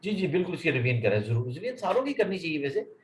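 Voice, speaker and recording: Male tutor, upbeat teaching delivery, lively voice, repeats and checks in often. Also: on the high side, fast, slight background noise. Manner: explains patiently, repeats, keeps checking understanding. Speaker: language teacher. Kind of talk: online lesson explanation.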